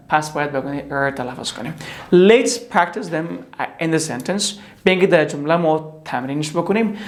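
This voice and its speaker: A pronunciation teacher, repeating each English word slowly two or three times in a drill lesson. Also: medium pitch.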